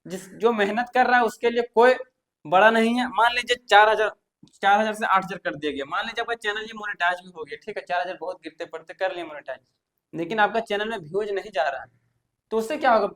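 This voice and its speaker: A man's voice: high-pitched, fast, a bit bright. A man, a tech YouTuber, explaining things to viewers in a chatty, reassuring way, often repeating points and restarting sentences.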